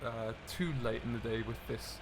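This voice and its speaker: The speaker is a British man with a mid-range voice at a normal speed, hosting a gaming video in which he role-plays a farm contractor. He offers casual commentary, talking and thinking aloud as he works, and background vehicle and ambient sounds are clear.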